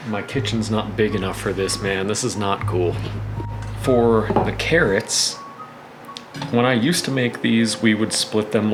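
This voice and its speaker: Laid-back, low-voiced man rambling through cooking. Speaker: host of a cooking vlog. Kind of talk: casual chat while cooking, narrating each step. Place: home kitchen.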